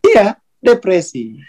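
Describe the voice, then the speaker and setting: On a spiritual talk channel, a relaxed speaker chats easygoingly about matters of the soul, with short laughs breaking in between points. The phrasing is colloquial and full of little tag words at sentence ends. The voice is medium-pitched with drawn-out words, and the recording is rough.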